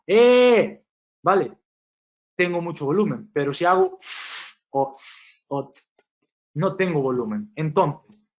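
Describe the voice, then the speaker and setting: Man explaining acoustics in a muffled webinar. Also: fairly high pitch. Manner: explanatory, frequent rhetorical questions and "¿vale?" tags. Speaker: acoustics engineer presenting a webinar. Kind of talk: technical presentation.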